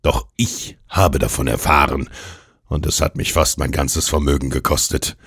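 A feverish, domineering old uncle , as a male audiobook narrator puts him on, his voice extremely deep. He talks in a gruff, commanding way that turns slow and intense. The sound is dry and close. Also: fairly even intonation, a bit bright, no echo, heavily acted.

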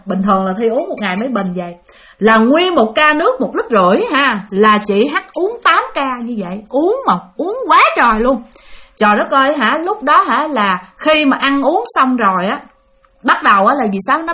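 A woman's voice: high-pitched, lively intonation, brisk, bright, forceful tone. Chatty woman storyteller. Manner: chatty, many fillers, addresses listeners. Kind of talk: spoken ghost-story narration.

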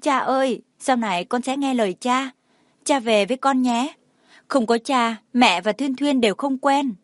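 A woman voicing a tearful, clingy little boy who pleads with his father in a high, whiny voice. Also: fairly even intonation, moderate pace, dry recording, clean studio sound, lightly acted. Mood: tearful pleading. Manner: high, whiny crying pleas.

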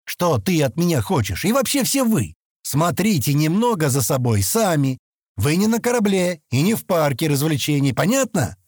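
An impatient, grumbling young spaceman in an audiobook, voiced by the male narrator. The voice stays close to the narrator's own, a touch higher, with lively, exasperated swings. A slightly husky tone in dry, close sound. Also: moderate pace, no room sound. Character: gruff young man, impatient, grumbling leader.

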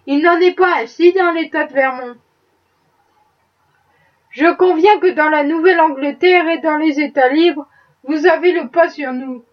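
A woman reading the part of a sardonic middle-aged Southern gentleman, arguing in an ironic, worldly way. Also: sits high. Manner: ironic, worldly, unhurried argument. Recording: dull, distant-sounding audiobook recording.

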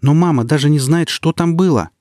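A man voicing a bold, quick-tempered young woman in an audiobook, answering with sharp, indignant retorts. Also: a little high, dry recording, studio quality, voice pushed up, close to an everyday voice.

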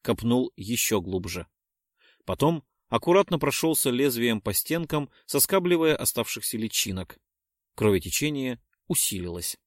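Steady male audiobook narrator, dry sound. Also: medium pitch, normal speed, no echo. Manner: steady, rising to urgent shouts in dialogue. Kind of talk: scripted first-person narration.

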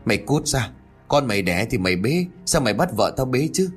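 Brief: narrator doing a fretful, quick-tempered village husband. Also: male voice, medium pitch, big pitch swings, slightly rough, soft background music. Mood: angry. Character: anxious, hot-tempered middle-aged husband.

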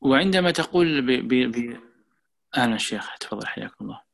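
Fast-talking male religious teacher. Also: mid-range voice, animated, creaky. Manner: measured, explanatory, repeats words for emphasis. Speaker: Quran teacher. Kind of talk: religious lecture and Q&A.

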